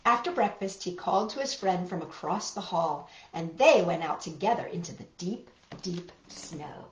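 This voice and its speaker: Speaking at a fairly low pitch, a middle-aged storytime host reads picture books aloud indoors in her living room and talks with young children, repeating words for emphasis in a deliberate, expressive style. The audio is dull, lo-fi, and boxy with a roomy feel, plus slight background noise.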